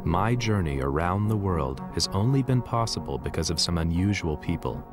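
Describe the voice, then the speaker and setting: A man presenting and narrating a documentary in a measured, earnest way. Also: low voice, animated. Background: music.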